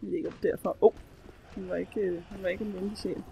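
A woman giving excitable let's play commentary, swearing and shrieking as she plays. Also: mid-range voice, vocal fry, background noise. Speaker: gamer.

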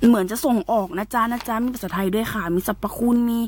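A woman's voice: fairly high pitch, steady tone, fast talker, darkish tone. A woman chatting casually in a home product review vlog, rambling and teasing, with slangy asides. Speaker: vlogger. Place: bedroom at home.

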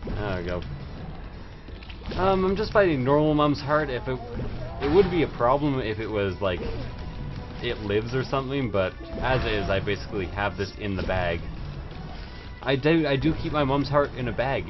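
Rowdy, rambling young man, lively pitch. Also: normal speed, long pauses. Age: young adult. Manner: rowdy, silly, drunken party-animal rambling. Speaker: livestream host playing a video game. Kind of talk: casual game commentary. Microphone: microphone pulled close to the face. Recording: dull lo-fi stream audio with music. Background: game music.

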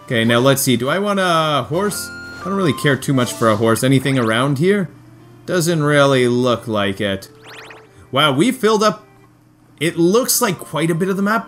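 Game music plays clearly behind a man commenting casually on his playthrough. His voice sits at a middle pitch. He is chatty, thinks aloud and tends to repeat phrases to himself as he works things out. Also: animated, moderate pace, fairly bright tone. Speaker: video game streamer doing a playthrough. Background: video game music.

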